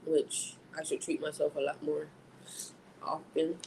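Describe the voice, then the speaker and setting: A man talks straight to the camera in a relaxed vlog, blunt and easygoing, dropping curses without a second thought. His voice sits a little high for a man, and he chews food between sentences. A faint hiss of background noise runs under him. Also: unhurried, vocal fry, rough recording. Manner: blunt and laid-back, swears freely; talks while chewing food. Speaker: vlogger. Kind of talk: casual vlog chat.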